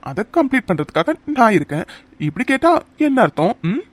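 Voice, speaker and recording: In cartoon voice acting, a performer plays a leering young office creep who stalks a coworker after hours. The natural, medium-pitched voice swings widely up and down as he teases and insinuates, smug and in no hurry.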